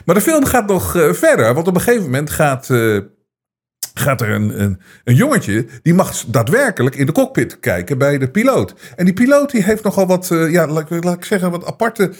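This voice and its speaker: A man's voice: on the high side, sing-song, fairly quick. A man hosting his own show, ranting in an indignant, sarcastic way with many restarts and repetitions. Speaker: host. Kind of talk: ranting commentary.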